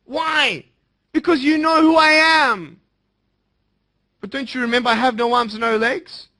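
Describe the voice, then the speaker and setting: Bright-voiced young man, emphatic. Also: extremely high pitch, steady tone, a little slow. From Australia. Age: young adult. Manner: emphatic, swinging between bold declarations and hushed earnest appeals. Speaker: motivational speaker. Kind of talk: motivational speech to students.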